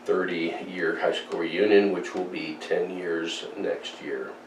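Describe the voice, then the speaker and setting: A man in his fifties, a musician guest, telling stories in a relaxed way with dry humor. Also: low voice, slow, a little hiss or hum. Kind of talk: casual interview chat. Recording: roomy distant mic with faint ambience.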